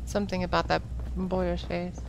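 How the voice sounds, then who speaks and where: A woman's voice: fairly low pitch, level tone, normal speed, gravelly, background noise. A woman streaming a video game, chatting casually, laughing often and swearing freely. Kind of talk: casual gameplay commentary.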